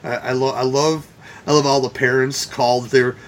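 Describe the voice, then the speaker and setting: A man's voice: mid-range voice, level tone, moderate pace. A man co-hosting a podcast, chatting casually about films, swearing and laughing as he recounts scenes. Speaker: podcast co-host. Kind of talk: casual film review chat.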